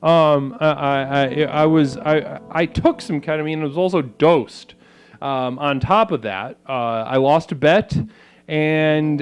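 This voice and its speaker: A man's voice: fairly high pitch, smooth. A man hosting a live stream as a self-styled spiritual leader, in a rambling comedic monologue that is mock-solemn, full of stammers and crude asides. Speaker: host of a mock spiritual livestream.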